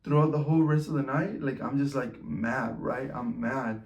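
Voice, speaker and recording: A man's voice: mid-range voice, normal speed, roomy sound, highs cut off. A man telling a personal story in a loose, slangy way, peppered with "like" and "bro" and plenty of swearing. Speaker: vlogger. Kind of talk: casual storytime monologue.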